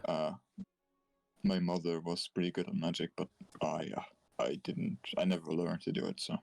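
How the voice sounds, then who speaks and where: A man playing a tabletop role-playing game, speaking haltingly and repeating words as his character. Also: sits low, flat delivery, vocal fry, darkish tone, soft background music. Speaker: player.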